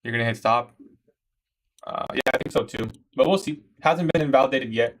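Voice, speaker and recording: This is a brisk, medium-pitched male voice. The speaker, a 21-year-old from Iraq, livestreams his day trading, commenting on each move and answering chat loosely and with slang, addressing viewers as "bro."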